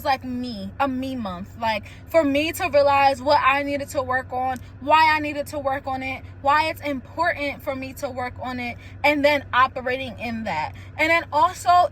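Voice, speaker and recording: A young woman hosting a casual solo chat, telling stories candidly with lots of "like" and quick laughs. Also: sits high, slight background noise, poor audio. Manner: candid, animated storytelling with frequent "like" and laughs. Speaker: podcast host.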